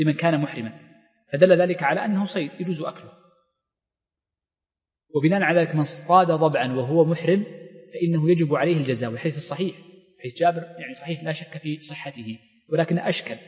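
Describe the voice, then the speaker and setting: A man teaches a lesson on Islamic law in a quick, slightly high voice. He reads a line from the text and then explains it at length, with plenty of fillers and restarts. His voice carries a long reverb, as if recorded in a large hall or mosque. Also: a little mellow. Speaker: Islamic scholar teaching fiqh.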